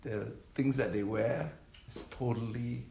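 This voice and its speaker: A man's voice: medium pitch, measured pace, gravelly, mellow, roomy sound, slight background noise. A man, preaching a sermon as pastor in a conversational way and putting questions to the congregation. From Malaysia. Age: 50s. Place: church.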